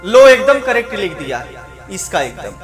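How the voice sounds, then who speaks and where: A man's voice: high voice, very animated, moderate pace, music in the background. A man teaching a lesson on how to pronounce a mantra, asking rhetorical questions and repeating his points. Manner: explains with rhetorical questions and repetition. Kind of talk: spoken lesson on mantra pronunciation.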